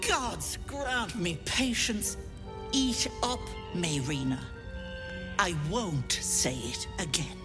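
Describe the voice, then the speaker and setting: A woman's voice: fairly low pitch, expressive, slow, over music. A woman playing a doting, cloying old hag posing as a kindly auntie in a video game, folksy and bossy. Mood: stern. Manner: folksy, cloying endearments, turning sternly bossy. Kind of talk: video game character acting.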